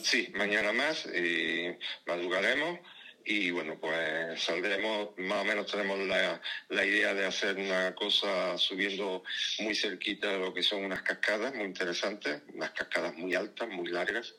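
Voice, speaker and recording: A man's voice: sits low, normal speed, sharp tone. A man taking part in a mountaineering project, talking in a phone-in interview with frequent fillers and restarts. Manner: hesitant, many restarts and fillers. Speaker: mountaineer on expedition.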